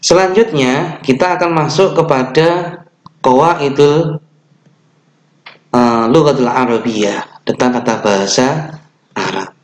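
A young man with an Indonesian accent runs an online class for children from an echoey room. He's slow and patient, with fillers and little self-corrections, speaks at medium pitch, and chants the opening prayer.

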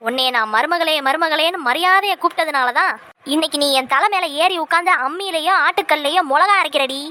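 A sharp-tongued older mother-in-law in a cartoon, scornful and accusing, as a woman voices her. Her voice sits very high and sounds bright and tense. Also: brisk. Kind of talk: cartoon voice acting.

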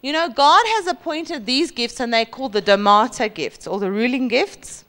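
High-voiced South African woman preaching. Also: moderate pace. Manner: lively, acts out boastful voices with high pitch jumps. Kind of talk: sermon. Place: large church hall stage. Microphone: handheld mic.

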